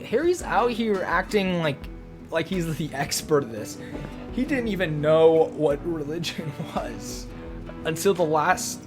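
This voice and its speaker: A young man reading a story aloud with casual, sarcastic comedic commentary. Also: fairly high pitch. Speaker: YouTuber.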